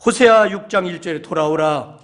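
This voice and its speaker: Male pastor, high-pitched voice, animated storytelling sermon that rises into emphatic exhortation. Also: normal speed. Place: church sanctuary.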